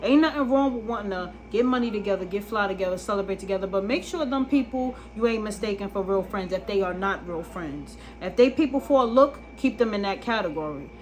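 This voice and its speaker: A woman's voice: mid-range voice, animated, brisk, hardly any pauses, poor audio. A woman vlogging a casual monologue to camera, blunt and emphatic, often asking if you understand. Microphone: phone camera.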